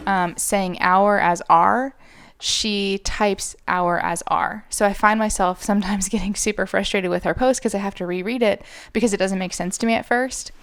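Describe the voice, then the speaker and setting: An American woman with a smooth, clear voice at a middle pitch. She talks in an informal, conversational way as a podcast co-host. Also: steady tone, moderate pace, a bit bright. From US, Georgia and Michigan. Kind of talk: casual chat.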